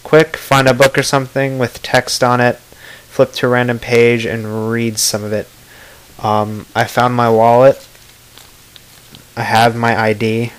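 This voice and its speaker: A man's voice: medium pitch, little pitch movement, unhurried, smooth, rough recording. A man from Florida casually answering tag questions to the camera in a blunt, offhand way, swearing freely. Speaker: vlogger.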